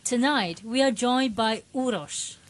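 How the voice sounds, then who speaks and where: A woman's voice: on the high side, unhurried. A woman from Malaysia hosting a radio program, reading upbeat scripted links. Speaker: radio host.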